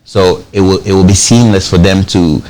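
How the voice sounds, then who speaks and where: Steady and low, the voice of a Cameroonian company founder moves at a moderate pace, with background noise behind him. It's a conversational TV interview, and he explains at length, repeating words whenever he starts a phrase over.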